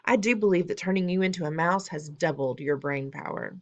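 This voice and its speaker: A woman reading aloud, voicing a brisk, determined elderly grandmother with a genteel, firm manner. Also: on the low side, close to an everyday voice. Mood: plotting. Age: older.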